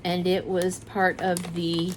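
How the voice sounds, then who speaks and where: A middle-aged woman vlogger talks in an unhurried, chatty way, pausing and correcting herself as she rambles along. Her voice sits a little low for a woman, with a faint hiss of room noise behind her. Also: monotone, poor audio. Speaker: cross-stitch vlogger. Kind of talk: casual show-and-tell chat.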